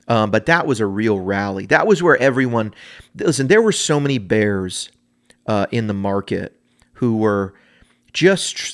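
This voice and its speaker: A man's voice: lowish voice, vocal fry. A man hosting a casual solo podcast, talking in a chatty, rambling way with frequent restarts. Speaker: podcast host.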